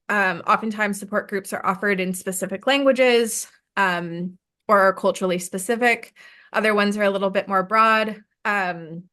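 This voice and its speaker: A woman's voice: medium pitch, a bit bright. Casual woman hosting a webinar. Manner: casual, frequent "um" fillers. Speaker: session host. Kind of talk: webinar overview. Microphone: video call.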